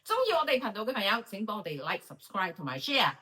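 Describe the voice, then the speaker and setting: A woman from Hong Kong with a Hong Kong Cantonese accent, co-hosting a casual chat with quick teasing interjections. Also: mid-range voice, big pitch swings, bright, forceful tone. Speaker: co-host.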